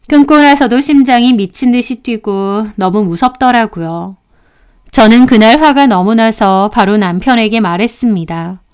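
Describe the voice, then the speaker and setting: A woman narrates a first-person story, indignant and emphatic from start to finish. Her smooth voice sits a little higher than most women's.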